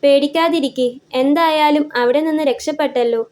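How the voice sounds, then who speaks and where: A woman reading the lines of a calm, helpful adult male auto-rickshaw driver in a story, talking in a reassuring, questioning way. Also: high-pitched, normal speed, natural voice.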